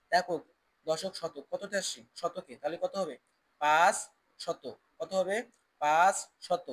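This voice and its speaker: Drilling math teacher, man. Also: high voice. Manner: repetitive question-and-answer drilling, answers his own questions. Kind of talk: classroom math lesson.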